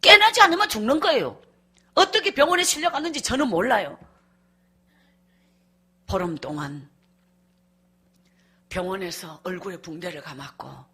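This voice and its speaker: A middle-aged woman evangelist gives her testimony at a revival meeting. Her voice is husky and sits a little high, and she tells the story vividly with strong feeling. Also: bright, forceful tone.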